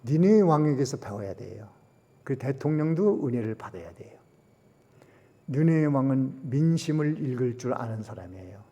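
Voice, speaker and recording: A man's voice: mid-range voice, big pitch swings, normal speed, mellow, lo-fi sound. A male Korean pastor delivering an emphatic sermon, posing rhetorical questions to the congregation. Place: church sanctuary. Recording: long church hall reverb.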